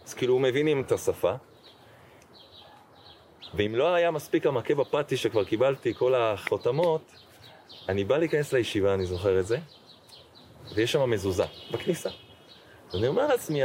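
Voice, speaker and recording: Middle-aged man, rabbi guest telling his story, lively acted-out dialogue, noisy background. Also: medium pitch, pauses often. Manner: animated storyteller acting out dialogue, frequent fillers. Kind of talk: personal storytelling in an interview. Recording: noticeable background noise.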